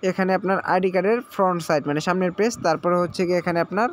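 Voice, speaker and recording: Very fast and high-pitched, a man's voice leads viewers through an app sign-up in a screen-recorded tutorial with slight background noise. He repeats each step, checks in often, and mixes English words into his talk.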